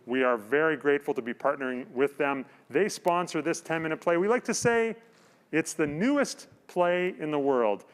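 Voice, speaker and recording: A man's voice: a little high, lively intonation, moderate pace. Upbeat man hosting a live stream. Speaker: host.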